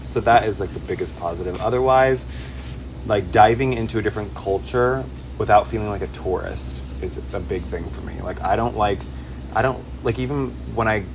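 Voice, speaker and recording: Speaking on the low side and fairly quickly, this Los Angeles native fields interview questions informally, leaning heavily on "like" in his Californian accent. He's a guest on the show, a singer-songwriter who lives as a digital nomad. The background is noisy.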